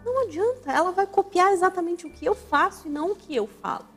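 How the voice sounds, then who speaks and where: This is a woman with a high, bright-pitched voice, hosting a radio program about family. She explains in a didactic, emphatic way and hammers points home by repeating words. Soft music sits faintly beneath her. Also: expressive, quick pace. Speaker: radio show host and family counselor. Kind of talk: radio talk on family life. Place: radio studio.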